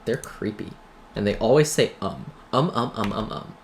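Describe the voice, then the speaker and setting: Speaking at a moderate pace in a lowish voice with lively intonation, this man hosts a gaming video full of loose, wandering commentary and wry self-mocking remarks. Typing, keyboard clatter and general background noise come through his noisy home microphone.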